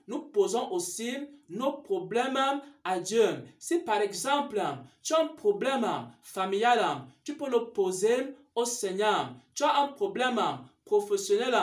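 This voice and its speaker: A church minister giving a sermon-style announcement, with repeated rhetorical questions and answers. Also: mid-range voice. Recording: roomy echo.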